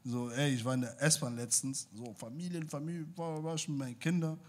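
A man's voice: mid-range voice, fairly even intonation, fairly quick, darkish tone. A man co-hosting a podcast, telling stories in slangy, casual street talk and laughing as he goes. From Germany. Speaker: podcast co-host. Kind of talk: casual chat. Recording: live podcast with background noise.

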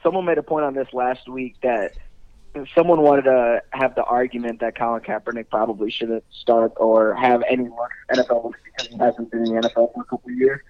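A man joking his way through a sports discussion with a wry edge. His voice comes through muffled and lo-fi. There is no room echo at all. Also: medium pitch. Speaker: podcast co-host. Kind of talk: casual sports banter.

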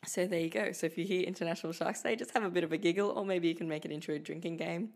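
A young Filipino woman whose first language is Filipino hosts her own solo podcast from Australia. She talks very fast in a lowish, darkish voice with fairly even intonation, keeping things chatty and informal with light laughter.

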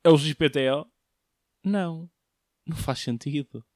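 A young Portuguese comedian hosts a solo show, delivering a casual, slangy, jokey monologue and often throwing questions at his listeners. His voice is on the high side and unhurried. The studio sound is clean, with no room ambience.

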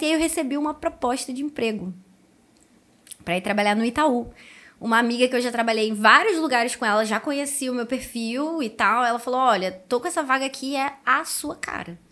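High-voiced woman telling her story. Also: a little fast. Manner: animated, lively retelling with quoted dialogue. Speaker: podcast guest. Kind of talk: casual storytelling chat.

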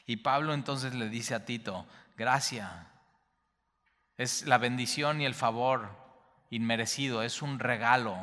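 A man's voice: mid-range voice, bright, forceful tone, big-room sound. A man preaching a Bible teaching sermon, speaking straight to the listener and repeating key phrases for emphasis.

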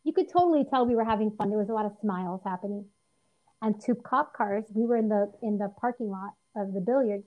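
Female interview guest, earnest, animated storyteller, restarts often; slightly dull lo-fi recording. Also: medium pitch, fast. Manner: earnest, lively, frequent restarts and fillers. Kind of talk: personal storytelling in conversation.

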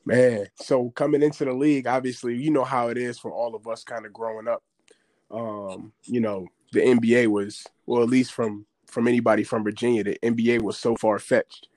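A man's voice: medium pitch, little pitch movement, moderate pace, darkish tone, no room sound. Laid-back man on a remote call line. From Maryland area, US. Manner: laid-back, slangy storytelling. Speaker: podcast guest. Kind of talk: casual interview chat.

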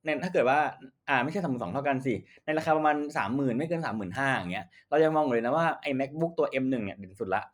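A man's voice: mid-range voice, animated, rapid-fire, few pauses. Chatty young man ranting about tech. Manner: chatty, slangy, self-correcting, emphatic. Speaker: podcast host. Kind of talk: casual tech advice rant.

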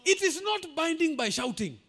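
Male pastor, very high voice, lively swooping delivery, emphatic sermon with shouted peaks. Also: moderate pace. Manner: emphatic preaching, rising to shouts, drops into Swahili asides.

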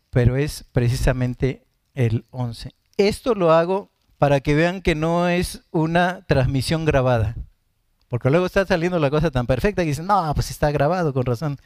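Male preacher, high and clear, unhurried live-streamed scripture teaching with self-corrections, dry close sound. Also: darkish tone, no echo. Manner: unhurried, reads scripture then explains, self-correcting asides.

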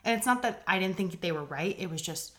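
Low-voiced young woman guest, earnest. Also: expressive, brisk. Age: 20s. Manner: earnest, reflective storytelling. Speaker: podcast guest. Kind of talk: casual interview chat.

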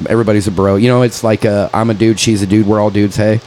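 A man in his late thirties talks on a casual podcast, his voice sitting low. He swears freely and drops dude into every sentence. A faint background hum runs under the recording. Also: flat delivery, fast talker, darkish tone, low-quality recording. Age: 30s. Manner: profane, calls everyone dude, venting frustration. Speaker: podcast co-host. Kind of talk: casual chat.

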